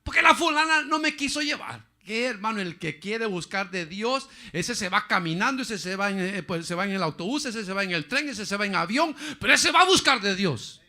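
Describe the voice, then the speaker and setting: Preaching at a moderate pace with few pauses, this man speaks in a high voice with lively intonation. He's a pastor who often calls his audience "brother," repeats phrases, and swings between loud emphasis and quiet asides.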